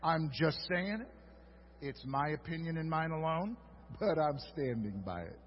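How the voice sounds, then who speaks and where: High-voiced joking preacher in a hall. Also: male voice, lively intonation, measured pace, slight background noise. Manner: humorous asides to the congregation. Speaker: pastor. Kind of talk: sermon. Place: church sanctuary. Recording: dull audio with long hall reverb.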